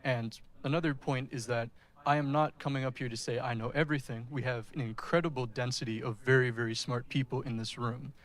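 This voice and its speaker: A man's voice: mid-range voice, steady tone, a little fast. Man presenting in front of an audience. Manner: presenting in front of an audience, addressing listeners directly. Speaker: speaker giving a technical talk. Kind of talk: conference-style presentation to an audience.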